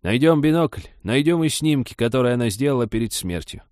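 A man's voice: medium pitch, expressive, brisk, a little mellow, no echo, studio quality, voice pushed up, lightly acted. A man voicing a bossy, nosy old village woman in an audiobook, talking in a pushy, scornful way.

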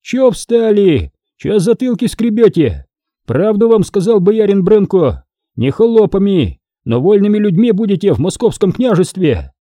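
A male narrator voicing a boastful, gruff former outlaw who shouts down nobles and rouses peasants in an audiobook. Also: sits high, big pitch swings, normal speed, no room sound, studio quality, voice pushed up, heavily acted. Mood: blustering. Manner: blustering, shouting and mocking.

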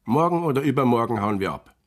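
A man playing a bitter, gruff war drifter. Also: mid-range voice, animated, fast, natural voice. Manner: gruff, sullen, bursts of anger. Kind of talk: radio drama acting.

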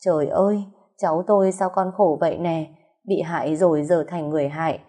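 A woman's voice: deep voice, steady tone, fairly quick, mellow. Woman as a theatrical, scheming older nanny; Southern Vietnamese accent, melodramatic wailing.

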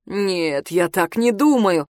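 A woman voicing a drunk, crude, boastful high-school heartthrob boy in a storybook reading, loud and drawn-out. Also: lively intonation, dry recording, clean studio sound.

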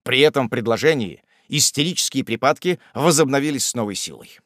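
A man narrating an audiobook in a measured, expressive storytelling manner. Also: medium pitch, no room sound, clean studio sound. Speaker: audiobook reader.

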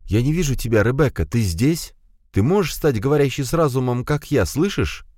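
A man reading a storybook, voicing a confused, tired male mind that speaks hoarsely through a small loudspeaker. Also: medium pitch, lively intonation, a little fast, no echo, studio quality, voice pushed up, lightly acted. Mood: desperate. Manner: confused, pleading, near tears.

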